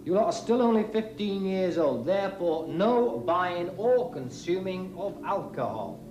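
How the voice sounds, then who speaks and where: An actor playing a middle-aged schoolteacher, strict but joking, with an emphatic, lively delivery in a 1980s TV drama. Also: male voice, high-pitched, a little slow, muffled recording. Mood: stern, teasing. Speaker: schoolteacher briefing his pupils. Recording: roomy TV soundtrack with music behind.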